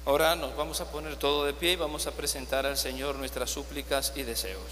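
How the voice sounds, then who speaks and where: A man's voice: mid-range voice, steady tone, fairly quick. A man serving as priest, leading a baptism rite in a large church and coaxing the parents and godparents through their answers in an instructive way. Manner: instructive, gently coaxing the congregation. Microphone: far phone camera in the congregation. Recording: echoey church from a distance, faint hum.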